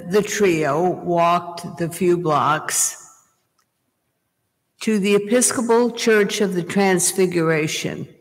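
An older woman preaching a sermon from a church pulpit, telling a story at a deliberate pace. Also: lowish voice. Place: small church, indoors, at a pulpit. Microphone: gooseneck pulpit mic. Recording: long church reverb. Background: reverberant church hall.

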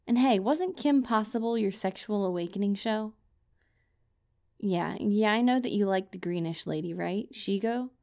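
A young woman acts out a comedic girlfriend role-play with a playful, teasing ramble. Her voice sits at an ordinary middle pitch and stays close to the mic. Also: a little mellow. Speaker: audio role-play performer.

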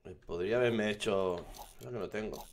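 A young man from giving casual, excitable commentary over his survival gameplay, swearing and shouting when something startles him. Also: fairly low pitch, moderate pace, slight background noise. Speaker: gaming streamer.

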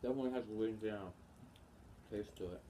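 A man's voice: lowish voice, quick pace, warm tone, a little hiss or hum. A man co-hosting a food-tasting vlog in casual chat, teasing and cracking jokes. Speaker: co-host.

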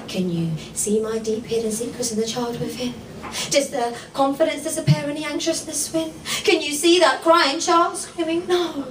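A young woman from England performing a spoken word poem on a small bar stage, rhythmic and rhyming with dramatic pauses. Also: high voice, noisy background. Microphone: stand mic on stage, recorded from the room. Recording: echoey bar room from far off.

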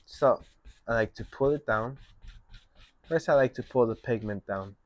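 Young man, painting instructor, slow unhurried speech, dry close sound, calm step-by-step talk. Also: mid-range voice, no room sound, muffled recording. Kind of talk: painting tutorial.

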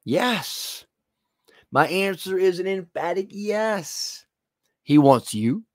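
A man's voice: sits high, expressive, slow, a little mellow, no room sound, clean studio sound. A man preaching a televised sermon, speaking straight to the viewer in an earnest, pleading way.

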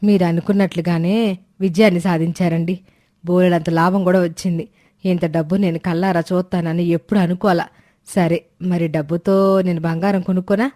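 A woman voicing a village wife and mother in an animated story, earnest and pleading. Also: lowish voice, moderate pace, close to an everyday voice. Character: devoted village wife and mother, later defiant.

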